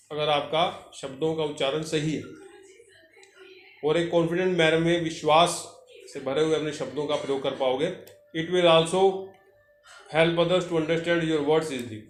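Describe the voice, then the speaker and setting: A male teacher walks through a textbook lesson, reading each English line slowly before explaining it. His voice sits a little high. The recording is echoey with faint noise behind. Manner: reads English lines slowly, then explains in Hindi. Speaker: vocational teacher.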